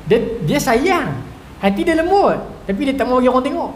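A man's voice: extremely high pitch, big pitch swings, normal speed. A man in his thirties with a northern Malaysian Malay accent, giving a humorous religious lecture full of stories and asides to the audience. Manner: chatty, storytelling, keeps asking the audience "right?". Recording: echoey hall with faint noise.

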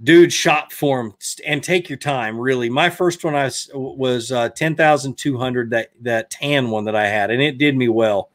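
In a brick-walled indoor studio, a Southern man from Georgia in his thirties hosts a fishing live stream, casually taking viewer questions with rambling self-corrections. His mid-range, fairly bright voice moves at normal speed with hardly any pauses into a desk mic in front of him.

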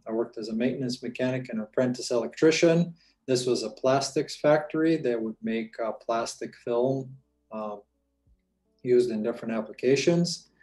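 Mellow-voiced man giving a casual workshop talk. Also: medium pitch, rough recording. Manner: casual, informal with many fillers. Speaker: workshop presenter. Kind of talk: live online presentation.

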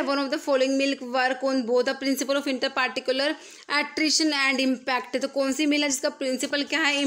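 Woman tutor, high voice, steady MCQ explainer. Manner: explains each answer and repeats key terms. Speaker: pharmacy exam tutor. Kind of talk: screen-recorded MCQ lesson. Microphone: voice-over on screen recording.

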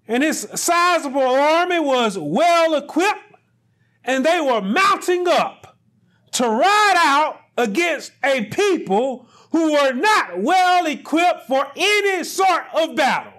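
A middle-aged pastor gives a sermon from a small studio, his high voice showing big pitch swings. He takes his time and stretches out his phrases, then climbs to loud, high-pitched emphasis when he reaches the important points.

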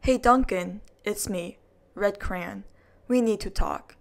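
Woman reading as a tired red crayon. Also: medium pitch. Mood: weary complaint. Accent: American. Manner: slow, clear read-aloud of a children's picture book. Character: overworked, complaining red crayon.

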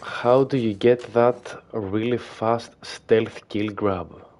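A man in his twenties chatting casually while streaming a game, reading and answering chat with relaxed fillers. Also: on the low side. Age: 20s. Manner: reads chat aloud, slow and relaxed with fillers.

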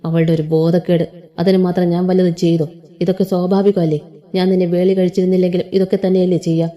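A woman's voice: lowish voice, flat delivery, fast talker, warm tone, natural voice. A woman voicing a cruel, domineering young husband in his twenties who talks in a harsh, taunting, threatening way. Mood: contemptuous.

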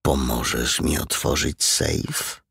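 A man's voice: rumbling low, steady tone, slow, creaky, a bit bright, husky, no echo, studio quality, exaggerated voice. A man voicing a brutal, menacing male bandit leader who gives commands and threats in a cold, businesslike way.

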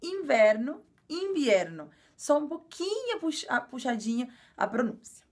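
Brazilian woman, high voice, casual video teacher who repeats and explains patiently. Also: very animated. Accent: Brazilian Portuguese. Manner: explains slowly and repeats words, frequent filler "é". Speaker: language teacher.

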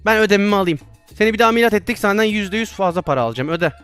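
A man's voice: sits high, lively intonation, racing, fairly bright tone, clean tone, faint music behind. A man playing a virtual reality doctor game, commenting casually and exclaiming and laughing at his own mistakes. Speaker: VR gameplay streamer.

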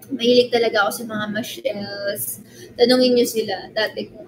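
A woman's voice: fairly high pitch, normal speed. A young woman with a nasal, stuffy-nosed voice chatting casually on a live stream, giggling and greeting viewers by name. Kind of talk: casual live stream chat reading comments. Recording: steady background noise.

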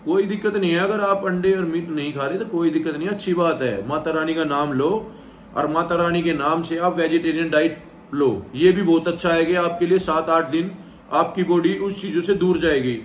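A man in his thirties, a gym trainer, calmly talking viewers through a vegetarian meal plan from a sofa at home, checking in with them often. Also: on the high side, a little fast, a little hiss or hum. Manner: direct, repeats "theek hai" to check in with viewers. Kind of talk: casual instructional vlog. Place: indoor room, seated on a sofa. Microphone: far camera, no visible mic. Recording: echoey room, mic set back.

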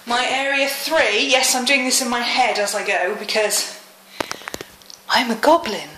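Here the woman's voice sits a little high, steady and unhurried, with a slight cold-induced wheeze. She's a British vlogger in her thirties, casually chatting indoors at home on a handheld phone or camera. Echo, some noise and clicks mark the recording.

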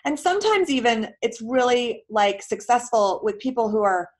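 A woman's voice: a little high, very animated, moderate pace. A woman physical therapist explaining in a casual question-and-answer talk, chatty, with many filler words and homely comparisons.

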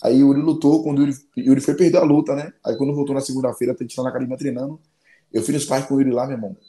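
Fast-talking man, dark echoey voice. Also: medium pitch, little pitch movement. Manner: rambling, repeats phrases, slangy. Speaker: interview guest, MMA fighter. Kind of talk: casual storytelling interview.

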